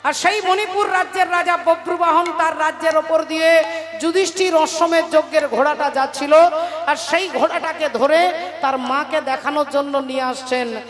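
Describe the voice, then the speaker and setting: A woman narrating a devotional story to devotees in a melodic way, in an echoey hall with music behind. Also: high-pitched. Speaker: kirtan singer and storyteller.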